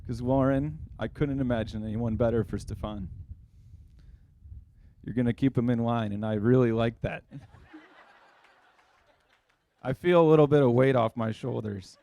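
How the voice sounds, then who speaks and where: A man's voice: medium pitch, unhurried, creaky, long pauses, mellow. A young man giving an earnest, heartfelt wedding toast as the groom's older brother.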